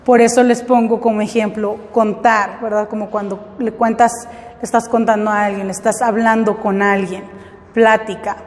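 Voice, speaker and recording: A woman's voice: mid-range voice, little pitch movement, normal speed, a little mellow, big-room sound. A woman teaching English, explaining step by step and often checking that her students follow. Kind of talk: classroom lesson.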